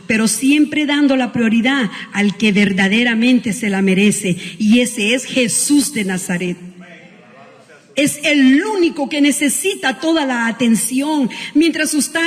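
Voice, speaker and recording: Woman pastor, emotional storytelling sermon, many restarts, long reverb of a large hall. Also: high-pitched. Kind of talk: Christmas sermon. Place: school hall used as church.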